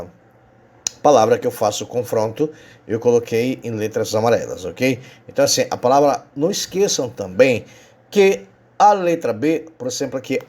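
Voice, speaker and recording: A man's voice: mid-range voice, darkish tone. A man with a Brazilian Portuguese accent teaches a recorded Spanish lesson. He explains each point patiently and keeps checking in with his students.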